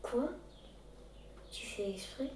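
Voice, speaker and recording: A woman's voice: slow, darkish tone, roomy sound, distant mic, lightly acted. A woman playing a pedantic, lecturing older sibling. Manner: corrective, impatient lecturing. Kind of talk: amateur theatre acting.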